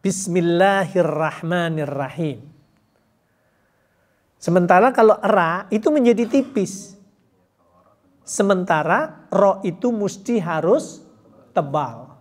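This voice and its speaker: A man teaching Quran pronunciation in a mosque hall, demonstrating letter sounds slowly and counting the class in before each repetition. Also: high voice, expressive. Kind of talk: tajwid pronunciation lesson in a mosque study circle.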